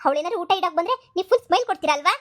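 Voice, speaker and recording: Very high, expressive, and rapid-fire with a fairly bright tone, this woman plays an accusing young wife in an animated comedy. The character is jealous and nagging, jabbing at her target over and over.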